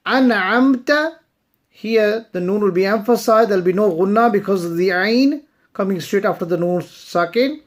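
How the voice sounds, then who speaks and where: A woman teaching recitation, chanting verses slowly and then explaining pronunciation rules in brisk spoken asides. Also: mid-range voice, a little mellow. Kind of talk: slow tajweed lesson.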